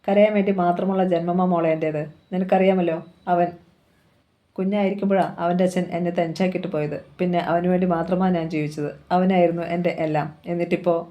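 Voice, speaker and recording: A proud, scolding village mother from a storybook, as a storyteller reads her lines in a mellow, even voice. she is quick to anger and lays down the law to her grown son. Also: medium pitch, dull audio, close to an everyday voice. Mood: tearful. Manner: scolding, then tearful.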